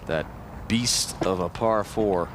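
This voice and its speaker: A man hosts live golf coverage as a commentator. His voice is somewhat low, and the broadcast has noticeable outdoor noise behind it. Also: takes it slowly.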